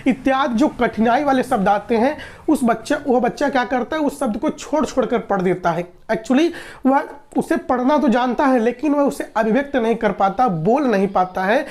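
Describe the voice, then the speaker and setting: Woman teacher, slightly high voice, patient exam-prep lecture, repeats and rephrases. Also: normal speed, a little mellow. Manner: explanatory, repeats and rephrases, asks and answers own questions.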